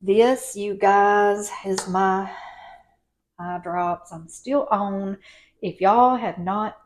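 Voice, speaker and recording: Indoors at home, a lifestyle vlogger in her 50s talks straight to her viewers, calling them y'all, in a rambling, folksy home vlog. Her mid-range voice is extremely slow with fairly even intonation, and the wired clip-on mic picks up a little hiss or hum.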